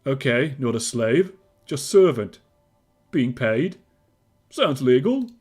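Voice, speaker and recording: Unhurried, earnest adventurer. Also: male voice, mid-range voice, big pitch swings, a little mellow, slightly rough, soft background music, full character voice. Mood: probing. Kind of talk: fantasy video game dialogue acting.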